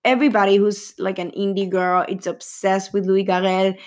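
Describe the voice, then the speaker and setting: This film vlogger, a young woman, speaks at normal speed with a level, medium-pitched tone while casually discussing a film's cast. She giggles, rambles, fills pauses, and keeps correcting herself.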